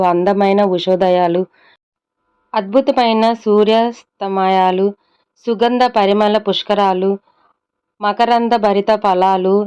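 A kind-hearted young woman who loves the countryside, voiced by a woman narrator. She speaks earnestly, with a smooth, clean tone. The recording sounds dull and lo-fi. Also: mid-range voice, warm tone, natural voice. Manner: earnest, poetic.

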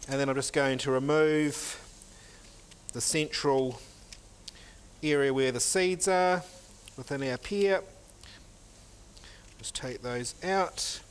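In this cooking demonstration, a middle-aged chef walks through the dish step by step as he cooks, with a few filler "um"s. His mid-range voice is slow with long pauses, and the tone is clean.

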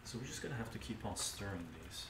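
Speaking fast and expressively in a fairly low voice, an older man streams himself cooking in his home kitchen, narrating each step, reading chat and chatting with ease. The sound, caught on a camera mic at some distance, is roomy, distant and noisy.

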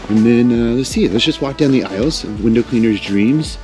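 A man's voice: mid-range voice, a little fast, dark tone, soft background music. A man in his thirties hosting a casual, upbeat walk-through tour of a large warehouse on a lapel mic. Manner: upbeat, enthusiastic. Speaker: vlog host.

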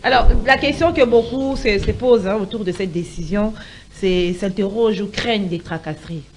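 A woman's voice: mid-range voice, normal speed, slight background noise, rough recording. A woman hosting a studio debate, putting questions to the panel and cutting in. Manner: interjecting, questioning. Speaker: talk show host.

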